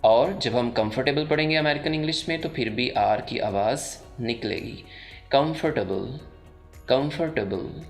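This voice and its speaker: A man with a Pakistani accent teaching English pronunciation in a voice-over, explaining slowly and repeating each example word several times. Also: medium pitch, faint music behind. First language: Urdu. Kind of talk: pronunciation lesson.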